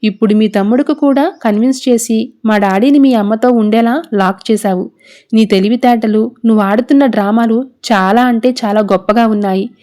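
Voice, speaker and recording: A woman reading the part of a scheming young female rival who taunts and accuses with sarcasm. The voice is fairly high and mellow, with a dark tone. It is read as serial recap narration. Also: steady tone, fairly quick, natural voice. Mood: taunting.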